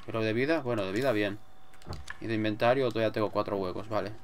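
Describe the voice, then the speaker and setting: A man's voice: lowish voice, fairly even intonation, fast. A man with an accent from Spain giving casual, sweary gameplay commentary, muttering to himself as he plays. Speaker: gamer, let's player. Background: game music.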